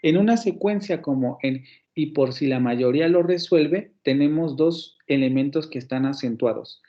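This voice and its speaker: A man's voice: a little high, normal speed, highs cut off. A man with a Mexican Spanish accent teaching a university phonetics class online. He explains patiently, restarts his sentences often and keeps checking in with the students.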